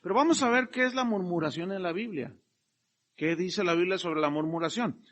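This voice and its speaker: A middle-aged pastor preaching with a high, bright voice. His pitch leaps around as he stresses points and briefly acts out the people he quotes. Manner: animated, emphatic, acts out quotes. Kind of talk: sermon.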